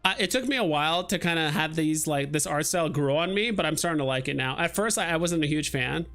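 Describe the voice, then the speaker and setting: A young man chats casually to his livestream viewers, rambling and dropping frequent fillers. His voice sits a little high for a man. Faint music plays underneath. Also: fast talker. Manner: rambling, relaxed, lots of fillers like "like" and "um". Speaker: livestream host.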